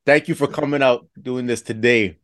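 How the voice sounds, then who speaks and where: A man hosting an interview podcast, relaxed and affirming as he asks follow-up questions. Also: medium pitch, normal speed. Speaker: podcast host.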